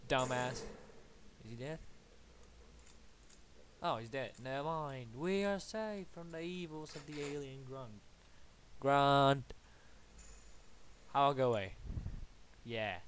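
This young Bulgarian gamer, with a Bulgarian accent, commentates his play at home in a casual let's-play, rambling and jokingly cursing enemies. His medium-pitched, fairly bright voice is expressive and slow, with frequent pauses. An awkwardly placed desktop mic adds a little hiss or hum.

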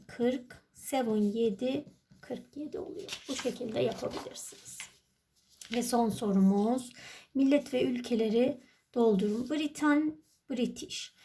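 A woman's voice: on the high side, a little mellow. A woman teacher with a Turkish accent, walking through an exam step by step and answering her own questions. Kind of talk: exam walkthrough lesson.

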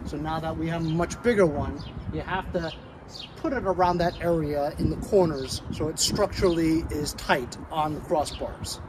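A chatty middle-aged man with a fairly high voice, talking straight to his viewers in a casual review. He stands outdoors in a driveway, recorded on a nearby phone, with clear street and traffic noise behind him. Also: moderate pace. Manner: chatty, addresses viewers as guys. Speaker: product reviewer. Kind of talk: casual product review vlog.

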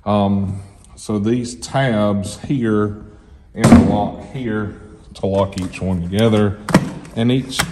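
A man's voice: fairly low pitch, steady tone, takes it slowly, very noisy. A middle-aged man giving a casual walkthrough of his tool box in a large, bare shop building, explaining things plainly with a few fillers. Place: large empty shop building under construction, indoors. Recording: echoey empty shop with loud music behind.

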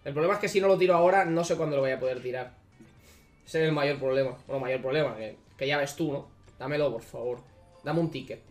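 Excitable streamer, echoey room. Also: male voice, medium pitch, fast talker. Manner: swearing, pleading, swings between muttering and shouting. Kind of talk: gacha game live stream. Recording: echoey room with background music.

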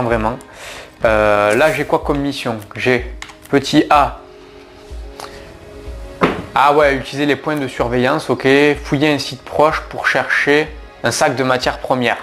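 A man chats through his gameplay session, speaking straight to his viewers and stumbling through fillers and restarts as he goes. His voice sits at an ordinary middle pitch. Faint game music plays quietly underneath. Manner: chatty, addresses viewers, frequent fillers and restarts. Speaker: gaming YouTuber. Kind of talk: casual let's-play commentary.

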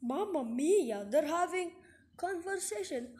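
A woman voicing a cheerful adult male plumber hero in a hobby animation, exclaiming softly with mock Italian catchphrases. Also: very high voice, expressive, a little slow. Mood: puzzled.

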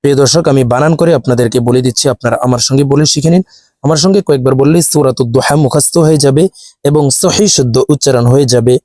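A man teaching Quran recitation to viewers, spelling out each letter and vowel mark aloud and then chanting the verse slowly. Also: medium pitch, darkish tone, no echo, clean studio sound. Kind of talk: spelling-out tajweed lesson with slow chanted recitation.

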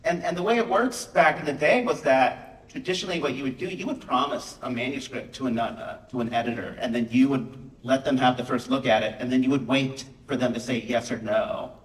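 A man on an author panel, telling a casual story to an audience, animated and acting out the people he quotes. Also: medium pitch, fairly quick. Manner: animated, acts out quotes with a raised voice. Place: school auditorium. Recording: roomy hall, mic from a distance.

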